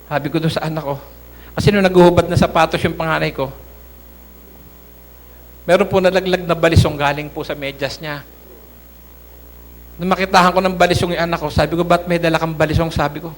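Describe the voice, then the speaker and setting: A man's voice: on the high side, fairly even intonation, brisk, pauses often. A middle-aged man from the Philippines giving an earnest church testimony, addressing the congregation as brothers and sisters.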